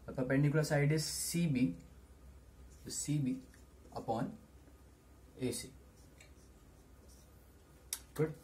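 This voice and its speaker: A young man teaching maths at a whiteboard in a small room, explaining deliberately in short steps. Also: a little high, darkish tone. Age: teens to young adult. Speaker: maths tutor. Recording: noisy small-room camera recording.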